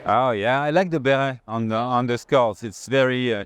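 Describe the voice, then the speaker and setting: A French art institution director chats informally while touring an art fair, speaking with a French accent and often searching for words. His voice is medium-pitched at a normal speed.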